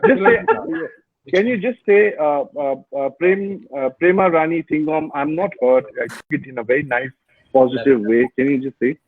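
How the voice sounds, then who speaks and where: A man's voice: a little high, dry recording. Male host, casual and teasing, slightly raised voice, phone-quality audio. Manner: chatty, teasing, halting fillers. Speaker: host reading viewer comments. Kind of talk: casual live interview. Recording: thin phone-like video call line.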